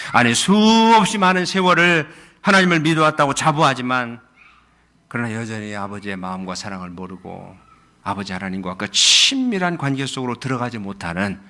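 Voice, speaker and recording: A middle-aged pastor preaches a Sunday sermon, putting questions to the congregation and repeating phrases. He shifts between soft, low lines and sudden high, loud stresses.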